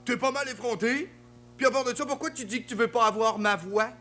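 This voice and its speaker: A man's voice: extremely high pitch, fairly quick, bright, forceful tone, a little hiss or hum. A man with a Québécois accent playing a friendly, easily puzzled grown-up playmate on a children's TV show, exclaiming with many fillers. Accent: Québécois French. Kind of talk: children's TV acting.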